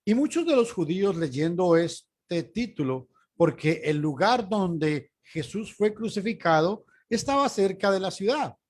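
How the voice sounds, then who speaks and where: A man reading scripture aloud as a Bible teacher. His reading is measured, and he lifts his voice for quoted speech. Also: sits high, sing-song, darkish tone.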